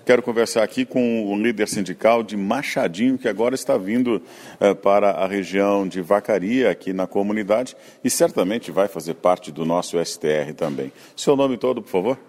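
A man's voice: lowish voice, normal speed, darkish tone. A man hosting a rural radio program, interviewing people on site in a conversational way. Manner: conversational, leading questions.

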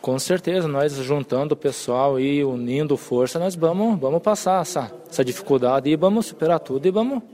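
A man's voice: a little high, brisk, hardly any pauses, dark tone. A man, a rural union member, giving plain-spoken, rallying interview answers. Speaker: rural union member, former fiscal council member.

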